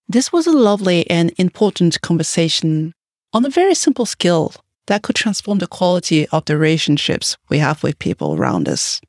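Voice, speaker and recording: Woman podcast host, low dry voice. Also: darkish tone, dry recording. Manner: welcoming, scripted intro then conversational questions. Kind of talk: podcast interview.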